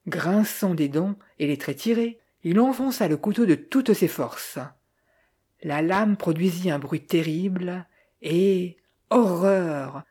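A woman reading a novel aloud in measured, scripted audiobook narration. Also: lowish voice, dark tone, breathy edge.

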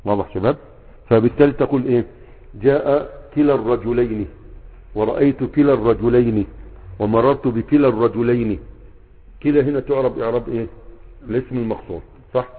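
In this grammar class, an Egyptian-accented sheikh speaks at medium pitch, briskly but with long pauses, his voice a bit rough. He poses quiz-like questions for students to complete and often checks they're following along. The recording has a tinny, phone-quality sound in a reverberant hall.

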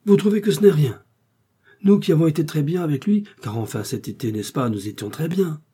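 A man's voice: mid-range voice, normal speed, dark tone, slightly rough, voice pushed up, lightly acted. A man reading an audiobook, voicing a fretful, pompous aristocratic husband who speaks in an agitated, peevish way.

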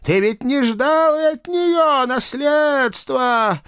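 A man's voice: very high-pitched, extremely slow, fairly bright tone, no echo, studio quality, voice pushed up, heavily acted. A man voicing a thin elderly she-devil aunt in an audiobook, lamenting in a sepulchral, reproachful tone.

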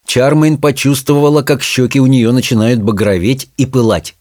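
A man reading a children's fantasy story aloud in an expressive storytelling manner. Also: medium pitch, normal speed, no room sound, studio quality. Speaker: audiobook narrator. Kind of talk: audiobook reading.

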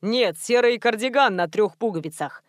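A woman's voice: fairly high pitch, expressive, normal speed, dry recording, clean studio sound, close to an everyday voice. Woman reading as a matter-of-fact male investigator. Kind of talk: audiobook character voice.

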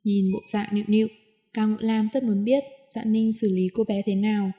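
A woman narrating a novel as an audiobook reader, reading in a steady, even way. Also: mid-range voice, moderate pace, highs cut off. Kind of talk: scripted narration.

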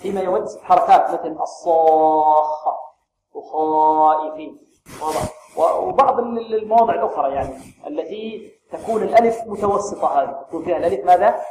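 A man teaching Quran recitation, quizzing his students and modelling slow, drawn-out pronunciations. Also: fairly high pitch, a little mellow. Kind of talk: tajweed lesson with students. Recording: echoey room, faint noise.

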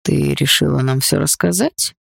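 A woman voicing a cruel stepfather who speaks with mocking, falsely gentle calm. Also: low voice, normal speed, vocal fry, dry recording, studio quality, exaggerated voice. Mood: taunting.

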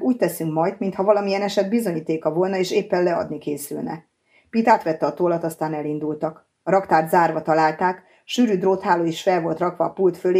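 A woman reading a novel aloud as an audiobook narrator, in an even, measured manner, giving the characters' lines in her own voice. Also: lowish voice, husky.

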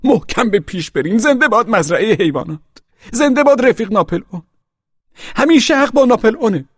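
A man's voice: mid-range voice, big pitch swings, dark tone, husky, no room sound, studio quality, voice pushed up. A man voicing a sly male pig propagandist in an audiobook, theatrical and falsely mournful. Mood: fake grief. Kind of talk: audiobook character voice.

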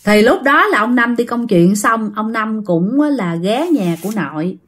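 Woman storyteller, fairly high voice, chatty ghost-story narration. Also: animated, a little slow. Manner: chatty, addresses listeners directly. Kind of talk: casual ghost story telling.

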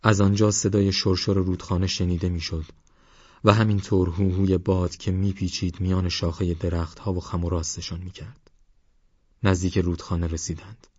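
A man calmly narrating an audiobook novel in a measured storytelling voice. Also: low-pitched, no room sound. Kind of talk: scripted narration. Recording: dull dry studio recording.

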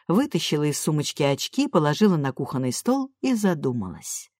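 Woman, audiobook narration, even calm reading, dry close mic. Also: low-pitched, a little fast, no room sound. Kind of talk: scripted narration.

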